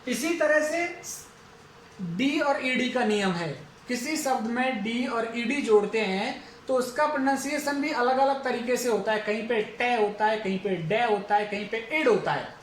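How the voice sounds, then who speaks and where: A man with an Indian accent teaching a phonetics lesson, going slowly and repeating each example word several times. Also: very high voice, echoey room, slight background noise, low-quality recording. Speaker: English teacher.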